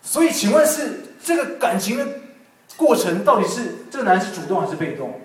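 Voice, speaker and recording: A man with a fairly high voice delivers a sermon woven with his own testimony. He moves between loud, excited emphasis and quiet, tender prayer. The sound is roomy and a little distant from the microphone. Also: fairly quick. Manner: animated, swings between loud emphasis and soft intimate prayer, mixes in English words. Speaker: pastor. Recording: echoey room from some distance.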